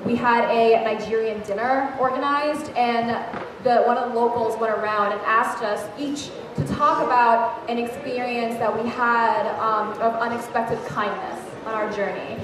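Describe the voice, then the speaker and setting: A young Thai woman with a slightly high, steady voice speaks unhurriedly on a festival panel about travel, earnest and telling stories. The panel takes place in a large hall before a live audience, and she uses a handheld mic. Captured from a distance, the recording is echoey with a noisy background.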